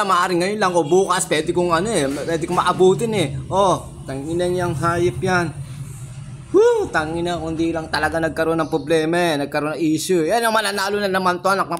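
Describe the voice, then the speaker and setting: A young man with a Filipino accent and a fairly bright, higher voice reviews his trading results in a casual screen-share vlog, with a little hiss or hum in the audio. Frustrated, he swears often and repeats himself.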